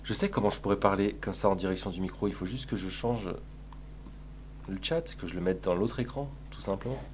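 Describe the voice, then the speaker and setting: A man's voice: sits low, brisk, slight background noise. A man streaming live, chatting casually in a crude, sarcastic, rambling way while answering his chat.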